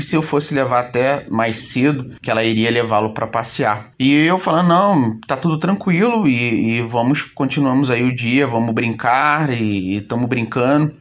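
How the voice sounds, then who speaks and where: A Brazilian man tells his story in an interview, hesitating and repeating himself often. His pitch sits in an ordinary middle range, and it climbs as his words grow more painful. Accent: Brazilian Portuguese. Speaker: interviewee, grieving father. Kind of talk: emotional recounting in an interview.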